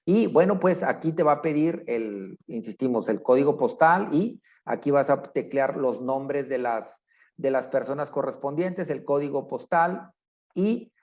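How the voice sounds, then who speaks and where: A man with a Mexican accent leads a screen-share tutorial, patient and methodical as he works through each step. His pitch sits in an ordinary middle range, and he keeps checking in with a quick tag question. The recording is a bit dull and lo-fi. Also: darkish tone. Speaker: public accountant.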